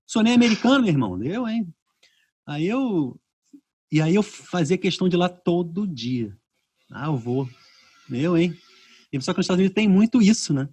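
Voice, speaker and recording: With a high-pitched, slightly rough voice at normal speed, a Brazilian podcast host pauses often as he tells casual stories over a video call. He speaks with a Brazilian Portuguese accent and brings his tales to life by acting out reactions. There's no echo on the audio.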